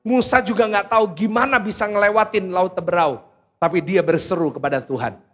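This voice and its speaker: A man preaching to a congregation as their pastor, lively and animated, acting out quoted voices and asking questions of the hall. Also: high voice, a little fast. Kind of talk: sermon.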